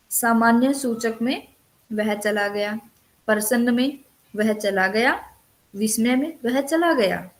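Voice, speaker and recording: Woman explaining terms in an online lecture. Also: a little high. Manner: reads from notes and explains terms. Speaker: teacher. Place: recorded online counselling session.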